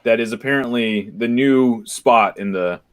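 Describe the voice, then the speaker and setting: A man's voice: mid-range voice, measured pace, clear, resonant tone. Chatty man hosting while eating. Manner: chatty, talks with his mouth full. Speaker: podcast host. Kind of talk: casual chat.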